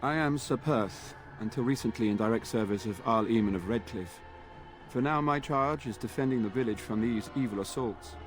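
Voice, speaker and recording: An actor playing an earnest, weary knight in a video game, speaking in formal, courtly phrases. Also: male voice, mid-range voice, normal speed, soft background music, close to an everyday voice. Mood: solemn. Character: earnest knight sworn to a noble lord, weary and dutiful. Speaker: game character.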